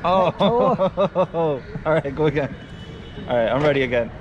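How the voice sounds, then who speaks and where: A man in his thirties vlogs from the street as he gets a shave, joking and laughing through the sting. His voice sits a little high for a man. Loud traffic noise fills the air behind him. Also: lively intonation, measured pace, dull audio. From United States. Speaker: travel vlogger. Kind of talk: casual vlog commentary. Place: outdoor city street stall. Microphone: action camera close by.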